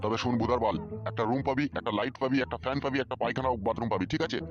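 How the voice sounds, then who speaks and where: Man voicing a swearing landlord father, rapid-fire talk, music behind. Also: mid-range voice, steady tone, muffled recording, lightly acted. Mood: gruff. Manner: swears constantly, barking and scolding. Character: foul-mouthed hot-tempered middle-aged village father and landlord. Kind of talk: comic audio drama. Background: background music.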